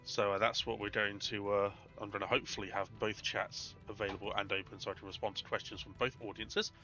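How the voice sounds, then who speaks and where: A man's voice: fairly low pitch, level tone, fast, sharp tone, lo-fi sound, faint music behind. A British man with a congested, tissue-plugged nose, chatting casually and self-deprecatingly as he hosts a live game stream. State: congested with a bad cold, tissue stuffed up his nose. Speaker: streamer, host.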